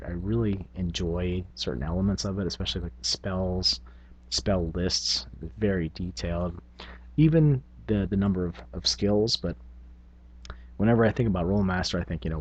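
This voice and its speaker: A middle-aged channel host talks informally in a casual, reflective vlog about tabletop gaming, hesitating and thinking aloud as he goes. His voice sits low and sounds husky.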